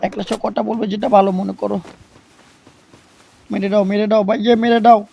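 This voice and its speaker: A man giving excited commentary on a shooter game he is playing, shouting repeated commands and hyping himself up. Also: sits high, normal speed, gravelly, lo-fi sound. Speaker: gamer streaming a shooter. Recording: gunfire and game noise behind voice.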